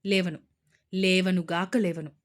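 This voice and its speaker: A woman doing a stubborn gruff young husband. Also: on the low side, level tone, measured pace, natural voice. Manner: loud, blunt, stubborn.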